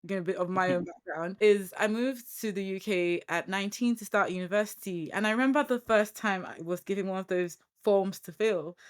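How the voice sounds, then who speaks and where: A young Nigerian woman hosting a podcast, speaking with a Nigerian accent. She tells her stories with animation, slipping into quoted asides, in a voice of middling pitch. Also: a little fast, hardly any pauses, clear, resonant tone. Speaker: podcast host. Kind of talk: casual interview chat.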